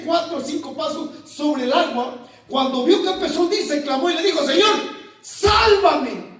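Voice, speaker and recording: A male pastor preaching a lively sermon, shouting out quoted lines and laughing as he addresses his listeners. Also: extremely high pitch. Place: church. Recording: very echoey church hall, heard from a distance.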